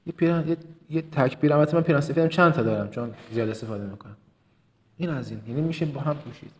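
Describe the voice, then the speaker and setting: Emphatic man with a slight Kermani accent. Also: fairly high pitch. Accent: slight Kermani Persian. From Kerman, Iran. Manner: emphatic, repeats words for stress, rattles off quick lists. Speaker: business and public speaking trainer. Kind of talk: motivational business lesson.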